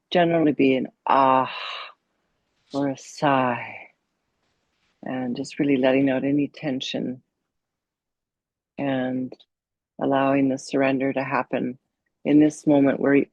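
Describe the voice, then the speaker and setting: A woman meditation coach with a very deep voice guides a meditation, soothing and unhurried, instructing gently with long pauses. The recording is muffled but has no echo.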